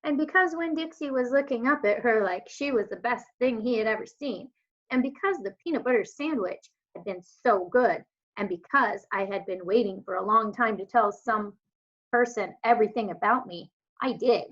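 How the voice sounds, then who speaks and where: An elementary school teacher narrates a children's story aloud, her voice on the high side at a moderate pace. It's a dull, lo-fi home recording.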